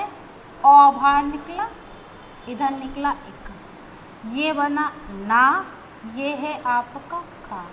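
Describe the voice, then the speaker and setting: High, bright-voiced woman teaching slowly. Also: a little hiss or hum, low-quality recording. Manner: explains patiently, checks in with "ठीक है" often. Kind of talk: step-by-step grammar lesson.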